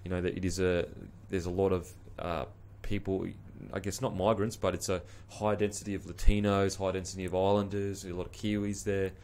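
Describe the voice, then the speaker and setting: A man's voice: low voice, flat delivery, brisk, hardly any pauses, a little mellow, smooth. A man in his thirties with an Australian accent hosting a podcast interview, chatty and encouraging with casual slang. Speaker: podcast host. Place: small studio with logo backdrop. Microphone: studio mic on boom arm.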